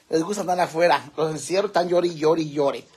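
At home among his pets and fish tanks, a man with a Mexican Spanish accent chats in a casual vlog, campy and theatrical. He coos at the animals and swears freely. His voice is on the high side, a bit bright and slightly rough.

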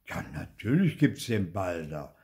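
A man's voice: deep voice, very animated, unhurried, darkish tone. An older man voicing a playful father who teases his son with mock regret. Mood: teasing.

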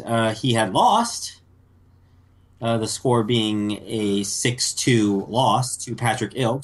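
A man co-hosting a casual podcast, recapping results like a newscaster and laughing often between remarks. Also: mid-range voice. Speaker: podcast co-host.

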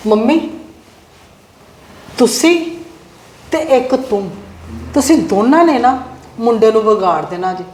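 A woman's voice: on the high side, lively intonation, measured pace, pauses often, a little mellow. Woman playing a strict scolding mother. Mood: pleading. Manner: scolding, lecturing, exasperated. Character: strict frugal mother of two sons. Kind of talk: family drama acting. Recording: echoey room with faint noise.

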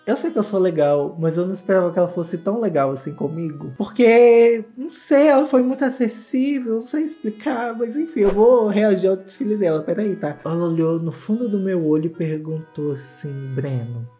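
A Brazilian man narrates a comedic reaction, his delivery campy, exclamatory and full of gossip. His voice is mellow and soft-edged. Faint music plays underneath. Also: sits high, animated, a little fast, few pauses. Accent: Brazilian Portuguese. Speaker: YouTuber host.

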